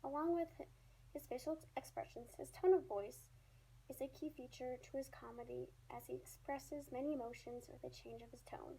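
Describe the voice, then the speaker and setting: A woman's voice: high voice, fairly quick, mellow, slightly rough, low-quality recording. A woman reading a scripted review aloud, as a presenter who now and then stumbles over the written words. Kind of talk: scripted narration read aloud.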